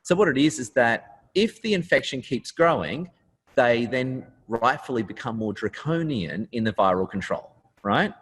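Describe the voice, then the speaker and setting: A man's voice: medium pitch, expressive, normal speed, fairly bright tone, breathy edge, long reverb tail, low-quality recording. A man hosting an interview podcast, chatty and enthusiastic, joking with his guest. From Australia. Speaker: podcast host.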